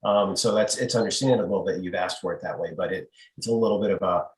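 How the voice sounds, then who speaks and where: A man on a town board asking polite, measured questions at a public meeting. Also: low-pitched, fairly even intonation, echoey room, low-quality recording.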